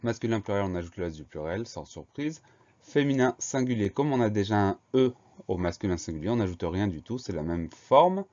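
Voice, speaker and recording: Low-voiced patient French spelling teacher. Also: male voice, lively intonation, a little mellow, highs cut off. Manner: slow, patient, spells words letter by letter. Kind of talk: spelling lesson.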